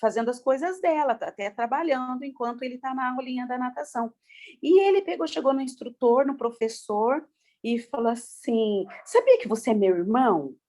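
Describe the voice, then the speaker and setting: A woman's voice: high-pitched, moderate pace, a little mellow. A woman pastor speaking on a video call, emotional and tearful, talking effusively with many fillers. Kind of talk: testimony-filled church talk on a video call.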